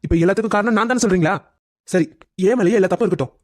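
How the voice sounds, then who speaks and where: A woman's voice: medium pitch, a little mellow, no echo, clean studio sound, natural voice. A woman voicing an angry young son who confronts his mother in a cartoon family drama. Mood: frustrated. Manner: demanding, rapid questioning.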